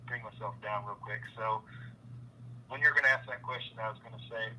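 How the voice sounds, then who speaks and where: A man, chatting casually as a guest on a live stream, rambling and halting with many fillers and restarts. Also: on the low side, fairly even intonation, sharp tone, slight background noise, low-quality recording. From Kentucky, USA. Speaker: guest, car salesman and card collector.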